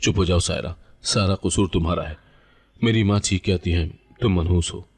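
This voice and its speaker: A man's voice: low voice, moderate pace, darkish tone, slightly rough. A man voicing a cold, angry young husband who speaks with contempt. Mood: bitter. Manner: bitter, contemptuous.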